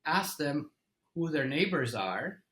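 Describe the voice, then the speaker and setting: A middle-aged man from Egypt, a company CEO, telling his story as an interview guest in a relaxed way, with fillers and restarts. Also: a little high, slow, low-quality recording.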